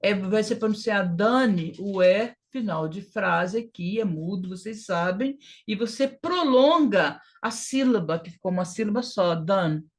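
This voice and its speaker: Slow, deliberate Brazilian woman teaching. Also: mid-range voice, animated. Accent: Brazilian Portuguese. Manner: deliberate, repeats words and models English phrases slowly for drilling. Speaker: English teacher. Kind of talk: classroom lesson on grammar and pronunciation.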